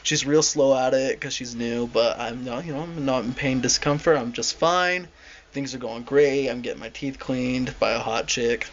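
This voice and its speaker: A man's voice: medium pitch, fairly even intonation, normal speed. A young man telling a rambling, exasperated story in casual vlog style and acting out the people he quotes. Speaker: vlogger. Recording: dull lo-fi home video with faint hiss.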